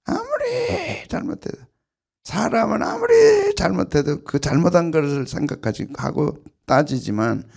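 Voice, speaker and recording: Emphatic, gravelly male pastor preaching. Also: mid-range voice. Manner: emphatic and repetitive, with sudden loud bursts and soft drops. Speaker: senior pastor. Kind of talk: early-morning prayer sermon.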